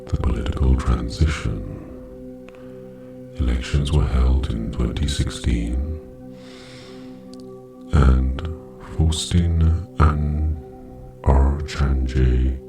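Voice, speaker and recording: A man with an extremely deep, gravelly voice reads a scripted narration very slowly, in an even and measured way. He sounds distant and echoey, with music and a singing bowl playing clearly behind him. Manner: measured, even reading with long pauses. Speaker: meditation narrator.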